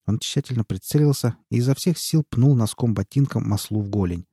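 Male audiobook narrator, husky and dark, reads evenly, dry close mic. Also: mid-range voice, fairly quick, no echo. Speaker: audiobook reader. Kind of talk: scripted narration.

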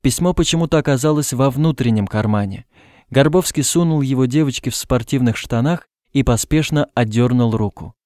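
A man narrating an audiobook in a calm, even reading voice at a middle pitch. He raises his voice when the characters shout. The sound is close and dry, with no room echo. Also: fairly quick. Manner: reads calmly, lifts his voice for characters' shouts.

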